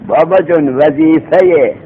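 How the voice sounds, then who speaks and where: A man teaching a seminary grammar lesson, explaining patiently and repeating himself, asking rhetorical questions. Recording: tinny phone-like recording with faint rumble.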